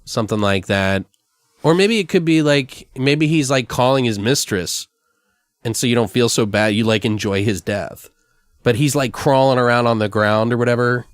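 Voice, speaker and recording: Recorded in clean, dry studio sound, this man speaks at a moderate pace and medium pitch. As a podcast host, he brainstorms loosely and rambles, his chat slangy and profane.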